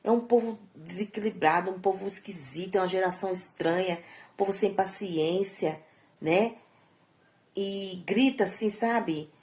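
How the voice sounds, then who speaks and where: A woman's voice: medium pitch, moderate pace, a little mellow. A middle-aged woman, talking to her viewers in a chatty, preachy vlog monologue that turns emphatic and scolding. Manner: chatty and preachy, often tagging sentences with a questioning aside. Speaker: vlogger. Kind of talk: casual vlog monologue giving life advice.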